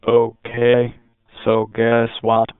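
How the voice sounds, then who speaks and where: A man delivering a crude comic confession in a deadpan, monotone way. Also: medium pitch, extremely slow, clear, resonant tone, no echo. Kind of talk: deadpan comedic confession monologue. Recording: tinny phone-like sound.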